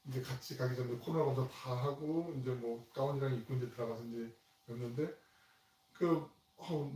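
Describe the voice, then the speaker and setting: A middle-aged man preaching a sermon as pastor, acting out biblical figures in lively quoted speech. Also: medium pitch, slight background noise. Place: church sanctuary. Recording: roomy church hall, distant mic.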